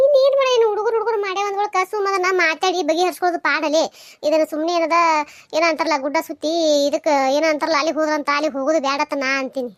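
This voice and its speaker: A fretful middle-aged village mother from a cartoon scolds and laments in a piercingly high voice, as a woman voices her. She talks in a rapid rush with a North Karnataka Kannada accent. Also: fairly bright tone. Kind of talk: cartoon dialogue voicing.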